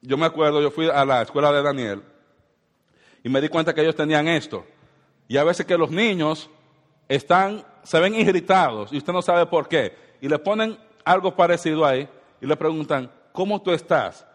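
Pastor guy preaching, kinda high voice, lots of questions to the crowd, long echoey church hall. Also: moderate pace. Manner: preaching with rhetorical questions to the congregation. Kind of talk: sermon.

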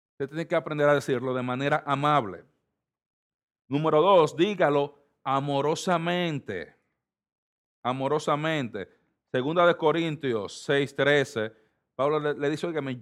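A middle-aged man from the Republic, preaching a sermon with emphatic swings between loud and soft delivery. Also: on the high side. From Dominican Republic. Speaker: pastor.

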